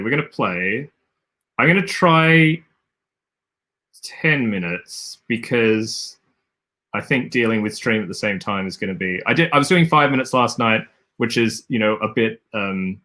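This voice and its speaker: An Australian game design streamer casually talks over his livestream as he plays, rambling, thinking aloud and correcting himself often. His voice is lowish with a sharp tone.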